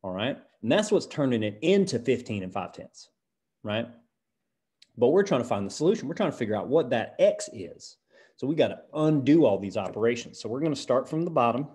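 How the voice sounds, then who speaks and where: A man's voice: mid-range voice, very animated, a little fast, darkish tone, natural voice. A math teacher putting on a country accent to play a folksy, patient male teacher, walking through equations and checking in with "right?" as he goes. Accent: put-on American country. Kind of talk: lesson video.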